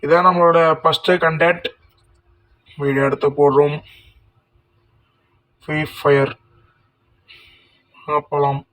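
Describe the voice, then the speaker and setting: Young man, high voice, excitable game commentary, repeats words in bursts. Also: slow pace, pauses often. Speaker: gaming YouTuber. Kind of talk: live mobile game commentary.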